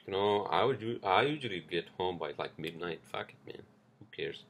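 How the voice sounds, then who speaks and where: A podcast host talks alone and casually, drifting along with fillers, restarts and profanity, in English with a non-native accent. His low voice is animated and a bit bright, at a normal speed.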